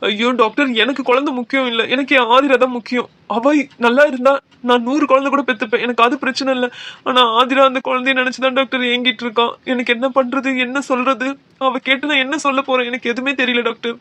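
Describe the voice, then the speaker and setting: A man doing a desperate young husband, very high voice. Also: little pitch movement, fast talker, pushed and bright, no echo. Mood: distraught. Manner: emotional, pleading. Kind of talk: cartoon dubbing.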